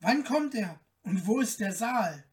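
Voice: mid-range voice, animated, unhurried, recorded from a distance, lightly acted. A reader voicing a caliph turned into a stork, earnest and thoughtful in a fairy tale.

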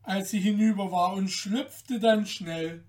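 A woman narrates a fairy tale in a measured, lilting storybook voice. She reads slowly and carefully, and the microphone picks her up from a distance. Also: medium pitch, a little mellow.

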